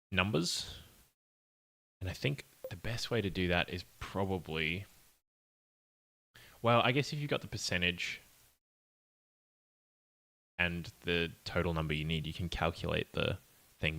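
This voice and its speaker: With a low voice that comes out pushed and bright, a young man streams his indie game development and chats casually as he codes. He mumbles, reasons out loud and sounds a bit apologetic.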